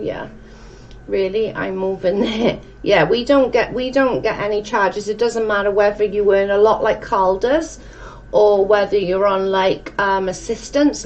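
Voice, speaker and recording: Chatting with live viewers and reading their comments, a woman in her forties from South Wales speaks at a medium pitch with a darkish tone. She streams from a dim indoor room at home, and the recording is muffled and clearly noisy.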